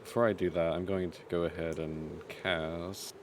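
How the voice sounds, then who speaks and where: Deep-voiced man playing a tabletop game. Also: level tone, normal speed. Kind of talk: casual in-game chat. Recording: clear background noise.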